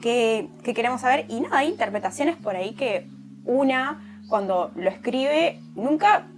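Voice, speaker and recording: A young woman with an Argentine accent, speaking as a guest poet in a relaxed conversation and pausing often to find her words. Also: fairly high pitch, a little hiss or hum. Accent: Argentine Spanish. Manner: thoughtful, hesitant, many fillers. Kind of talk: casual conversation.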